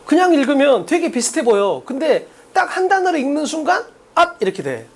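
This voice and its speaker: A man teaching an exam-prep English lesson, drilling students with quick rhetorical questions and emphatic repetition. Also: very high-pitched, sing-song. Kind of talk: recorded exam-prep lecture.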